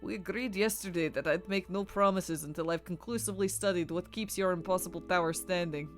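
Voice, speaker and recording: A woman's voice: fairly low pitch, a little fast, soft background music, natural voice. A woman voicing a terse, sceptical male doctor in a video game, with formal, dry delivery. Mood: formal, firm. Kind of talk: reading game dialogue aloud.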